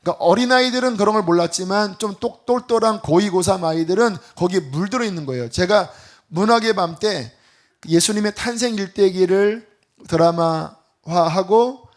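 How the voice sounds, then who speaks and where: Middle-aged male pastor, higher-pitched tenor, lively storytelling sermon. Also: moderate pace. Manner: animated storytelling, acting out quoted voices. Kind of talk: sermon with personal testimony.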